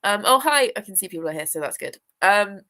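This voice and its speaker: A young woman, a teacher who hosts a live reading sprint as a booktuber, chats and rambles with viewers on a stream, greeting them and using lots of fillers. A chest infection leaves her voice congested and sniffly. Her mid-range voice is expressive, bright, and forceful, moving fairly quickly.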